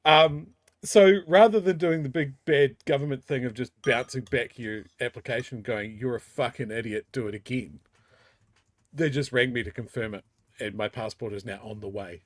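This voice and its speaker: A man's voice: medium pitch, moderate pace, dry recording. A man with a broad New Zealand accent, co-hosting a talk show and telling personal anecdotes in casual chat.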